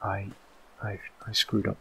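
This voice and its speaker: A man's voice: lowish voice, completely flat delivery, unhurried, creaky, bright, forceful tone, breathy edge. A man in his thirties from England, whose British accent carries an American tinge, gives casual let's-play commentary, chatty and rambling with many "um"s. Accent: British English mixed with American. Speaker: gaming channel host.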